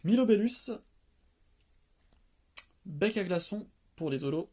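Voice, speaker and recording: Chatty man with a slightly high voice. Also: unhurried. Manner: relaxed, chatty, many fillers and sighs; excited about cards. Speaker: card-opening channel host. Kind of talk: casual chat.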